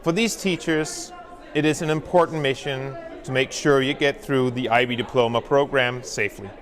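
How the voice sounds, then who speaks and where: A man's voice: mid-range voice, fairly even intonation, normal speed, a bit bright. A man who is the school principal, giving an enthusiastic welcome address. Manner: upbeat, enthusiastic promotional speech. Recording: long hall reverb.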